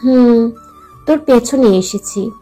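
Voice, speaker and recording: A woman playing a husky, doubtful girlfriend. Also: fairly high pitch, takes it slowly, dark tone, soft background music. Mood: skeptical. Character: doubtful young female friend. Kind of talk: audio drama acting.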